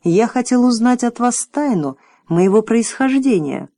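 A brave, polite young boy, as a woman reader puts him on, speaking firmly and calmly, voiced higher than the reader's own tone. The sound is close and dry. He is a storybook hero who never loses his manners. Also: measured pace, no echo. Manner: calm, firm and polite. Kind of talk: audiobook character voice.

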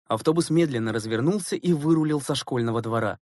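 A man narrating a story as an audiobook reader, in a measured storytelling manner. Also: mid-range voice, darkish tone, no echo, clean studio sound. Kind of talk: scripted narration.

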